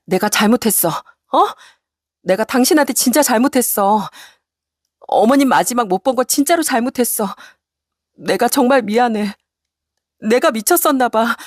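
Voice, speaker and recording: A woman voicing a frantic, pleading middle-aged wife in a spoken story, with a shrill, stammering delivery. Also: expressive, normal speed, dry recording, clean studio sound. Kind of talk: storybook radio narration.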